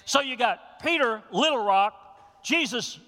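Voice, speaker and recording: High bright-voiced preacher in a reverberant hall. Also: male voice, a little slow. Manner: animated storytelling preacher, folksy asides. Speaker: pastor. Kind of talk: sermon.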